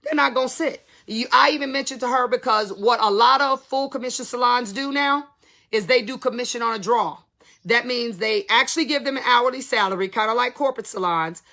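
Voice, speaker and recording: A woman in her fifties talks straight to her viewers about running a salon, candid and emphatic, full of casual slang. Her voice sits a little high and sounds bright and forceful. A gravelly fry runs under many of her words. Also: fairly quick. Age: 50s. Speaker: salon business educator.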